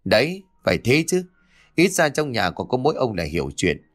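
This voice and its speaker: A man putting on a sneering shrill village woman. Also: sing-song, normal speed. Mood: spiteful scolding. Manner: sneering, scolding. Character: shrill spiteful middle-aged village woman.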